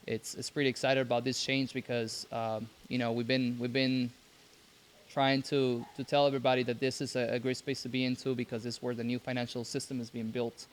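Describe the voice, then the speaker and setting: A young man from Cuba, raised in Mexico, speaking as a podcast guest in a halting way with many restarts. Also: mid-range voice, slight background noise. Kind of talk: casual interview.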